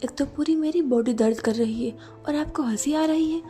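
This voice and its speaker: Woman doing a young wife, shy, sulky, playful, mellow voice, high-ish. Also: normal speed, soft background music, lightly acted. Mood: pouting. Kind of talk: storybook narration.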